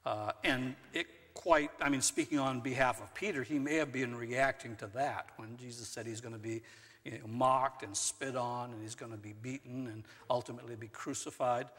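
A man's voice: mid-range voice, moderate pace. A male pastor giving a conversational sermon, now and then acting out quotes with a raised voice. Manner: conversational, rising to animated acted-out quotes. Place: church sanctuary. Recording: long church hall reverb.

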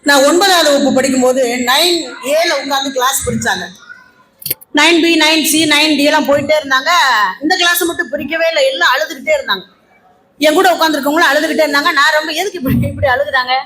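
A woman's voice: high-pitched, fast talker, low-quality recording. A woman teacher giving a humorous speech at a festival, acting out classroom dialogue as she tells school stories. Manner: animated, acts out classroom dialogue. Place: event hall.

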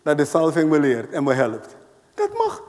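A man preaching a sermon as pastor, telling stories with lively acted-out voices. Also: fairly high pitch, normal speed. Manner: animated storytelling, acting out voices. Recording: long hall reverb.

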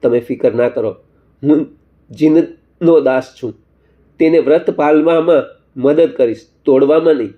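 A man voicing a devout male friend who calmly exhorts others in a storybook tale. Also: fairly high pitch, measured pace, pauses often, narrow, tinny audio, lightly acted. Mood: exhorting. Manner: calm, exhorting. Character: devout male lay friend, steady and sincere.

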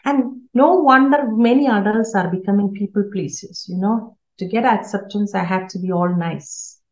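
A woman with a medium-pitched voice delivers a parenting talk at a moderate pace. Earnest in tone, she repeats key words to drive them home, and the video-call recording sounds roomy and a bit dull.

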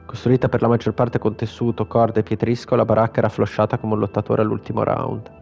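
A man with an Italian accent reading a video game's story aloud in a steady, unhurried way, with brief casual asides. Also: fairly low pitch, gravelly, faint music behind. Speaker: gamer reading game text.

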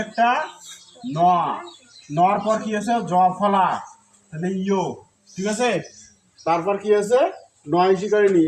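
High-voiced man teaching Sanskrit pronunciation. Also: roomy sound, slight background noise, low-quality recording. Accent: Bengali. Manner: asks questions and answers them himself, spells out syllables; chants verses very slowly in a drawn-out melody. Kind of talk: recorded Gita recitation lesson.

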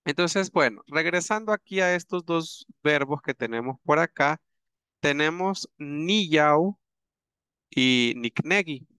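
A man teaching a grammar lesson, patient and repetitive, with many pauses and fillers as he works through examples. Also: on the high side, a bit bright, smooth, dry recording, studio quality. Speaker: language teacher.

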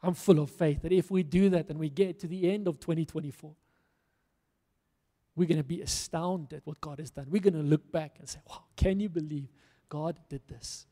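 In a large hall with long reverb, a middle-aged pastor from South Africa preaches his sermon from the church stage through a handheld microphone. His voice is a little high with a dark tone, and he speaks earnestly and rousingly, leaning on emphatic repetition.

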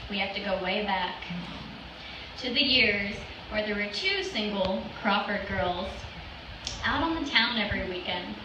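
A woman's voice: mid-range voice, far from the mic, muffled recording, noisy background. Echoey young woman giving a wedding toast. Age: young adult. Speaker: matron of honor. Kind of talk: wedding toast speech, partly read from notes. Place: open-sided wedding reception tent. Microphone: stand microphone through PA, filmed by audience phone. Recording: echoey PA heard from off, faint music.

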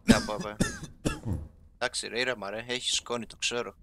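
A young man giving casual, excitable let's-play commentary as a gaming YouTuber, talking straight to his viewers. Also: mid-range voice, gravelly. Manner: excitable, talks to viewers, sprinkles English game terms.

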